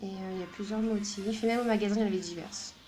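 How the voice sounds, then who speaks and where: A woman's voice: mid-range voice, fairly even intonation, rapid-fire, warm tone, soft background music. A woman hosting a casual craft video, chatty and hesitant, with frequent fillers and giggles. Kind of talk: casual craft haul and tutorial chat.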